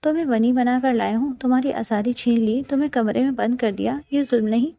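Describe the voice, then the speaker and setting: A woman's voice: on the high side, gravelly, dark tone. A woman voicing a stern, protective young husband who speaks in a firm, commanding way in a storybook reading.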